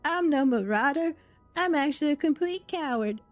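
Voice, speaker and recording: A woman voicing a boastful, cowardly male sailor with a rough pirate-like drawl, reading game dialogue aloud. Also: mid-range voice, moderate pace, no echo, soft background music, natural voice. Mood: panicked. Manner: bragging, then babbling in panic.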